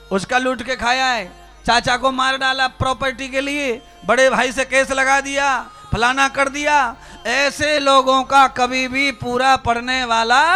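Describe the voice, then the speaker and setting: A man's voice: extremely high pitch, sharp tone. A man preaching a sermon, exhorting his listeners with rhythmic repeated phrases. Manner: exhorting, direct address to listeners, rhythmic repetition. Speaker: spiritual preacher.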